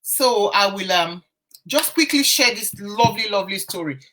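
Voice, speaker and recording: A woman confidence coach tells a story on a casual live stream recorded on a phone or webcam, with background noise audible. Chatty and animated, she speaks at a moderate pace in a mid-range voice, greeting viewers by name and frequently restarting her phrases.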